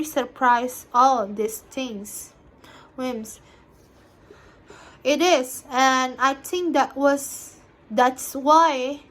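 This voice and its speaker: A young woman student reading an interview transcript aloud for a class task, halting and restarting often. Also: sits high, a bit bright.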